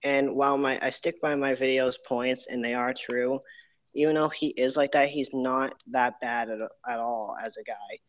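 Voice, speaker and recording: A man talks earnestly and at length, circling back with fillers. His voice bounces around a garage, which gives it a noticeable echo. The mic sounds dull and lo-fi, and his pitch sits in a middle range. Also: fairly even intonation, normal speed. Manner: earnest, rambling with many fillers. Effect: echoey garage sound. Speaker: YouTuber. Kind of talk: group apology video. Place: home garage.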